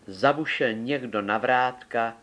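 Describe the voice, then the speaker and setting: A man reading a fairy tale aloud in a measured, expressive storytelling manner. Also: mid-range voice, dull audio. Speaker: narrator.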